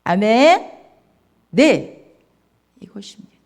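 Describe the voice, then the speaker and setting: Woman pastor, sermon, lively and expressive, higher voice, asks the congregation questions. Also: very slow, a little hiss or hum. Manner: animated, acts out dialogue, questions the congregation.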